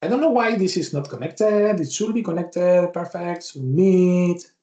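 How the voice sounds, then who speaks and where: An unhurried bootcamp instructor with an Argentine Spanish accent and a somewhat high male voice demos software live, thinking out loud and restarting words as he clicks. The recording is muffled and has a roomy echo.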